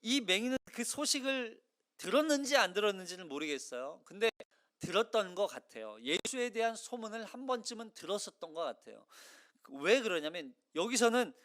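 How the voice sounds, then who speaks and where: Korean guy pastor preaching, high voice going all over the place, bright tone. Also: a little fast. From South Korea. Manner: animated, conversational preaching that acts out crowd voices. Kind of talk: expository Sunday sermon.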